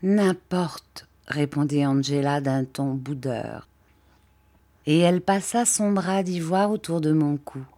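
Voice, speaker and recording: A woman narrating a classic tale aloud with a measured, expressive delivery. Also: low-pitched. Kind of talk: literary story reading.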